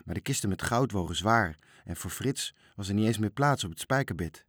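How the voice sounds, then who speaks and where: A man narrating a children's storybook aloud, reading expressively and slowing down at the sad moments. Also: fairly low pitch, animated, a bit bright, husky, no echo, clean studio sound.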